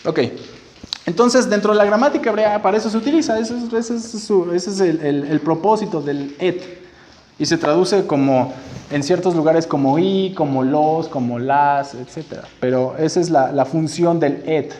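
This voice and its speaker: A man's voice: on the high side, moderate pace, mellow. A man teaching a Bible study to a group, explaining patiently and checking in often with "ok?". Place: room with a listening group. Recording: echoey room, faint background noise.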